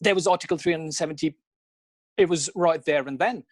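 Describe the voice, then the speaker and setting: A man's voice: fairly high pitch, brisk, no echo, clean studio sound. A man in his thirties with a Kashmiri accent, giving emphatic, spontaneous interview answers that build through lists and questions. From Srinagar, Kashmir. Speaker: interview guest.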